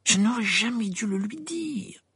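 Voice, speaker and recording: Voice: medium pitch, lively intonation, unhurried, husky, no room sound, pitched above the performer's own voice, exaggerated voice. An audiobook reader voicing Harry, a hot-tempered teenage wizard boy who snaps sharply. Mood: angry. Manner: sharp, agitated. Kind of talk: audiobook character voice.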